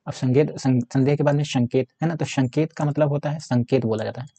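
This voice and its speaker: A man's voice: mid-range voice, fairly even intonation, a little fast, mellow, no room sound. A man teaching a casual exam-prep grammar lesson, talking while he writes on a board and often asking "है ना?". He speaks Hindi with an Uttar Pradesh accent. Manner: repetitive, keeps asking 'है ना'; talks while writing on a board.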